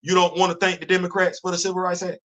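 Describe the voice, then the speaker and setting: On a casual commentary livestream, a host in his fifties talks very fast into a phone, animated and preachy. His voice is a bit high for a man, and he keeps circling back with restarts and repetitions.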